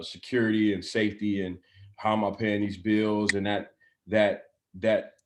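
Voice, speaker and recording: A man in his thirties talking in a casual group discussion, halting and restarting often, with fillers and easy laughs. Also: lowish voice. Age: 30s. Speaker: class participant.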